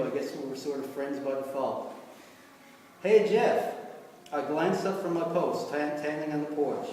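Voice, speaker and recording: Male author at a live reading, dry wry delivery, slightly high voice, recorded from afar in an echoey hall. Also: darkish tone, slight background noise. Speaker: author reading his story. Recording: echoey hall, far from mic.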